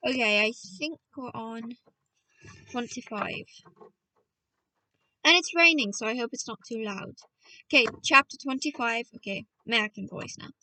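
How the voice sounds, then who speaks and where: This woman's fairly high voice is pushed and bright, at a moderate pace with long pauses, as she reads a novel in a casual audiobook style. She interrupts herself to chat with listeners and plays with voices. The mic is distant and the recording dry and rough.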